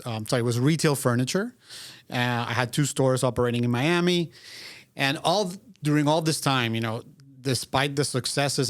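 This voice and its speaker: A middle-aged man from Venezuela talks through his career as a podcast guest, steady and reflective, often restarting his sentences. His voice sits at a middling pitch and sounds dry and close, with no room echo around it. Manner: measured, reflective storytelling with frequent restarts. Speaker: guest, business consultant. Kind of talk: casual interview.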